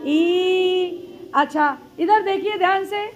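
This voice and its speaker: A woman's voice: very high voice, dull audio, a little hiss or hum. A woman teaching young children the vowel signs of Hindi letters, asking a question and then answering it herself. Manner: slow, drawn-out, repeating questions and answers.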